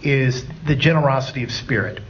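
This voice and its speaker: A man's voice: mid-range voice, fairly quick, fairly bright tone, lo-fi sound, slight background noise. A man, a film critic, hosting a live cinema Q&A, asking questions in a folksy, jokey way. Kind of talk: live Q&A moderation. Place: cinema auditorium with audience.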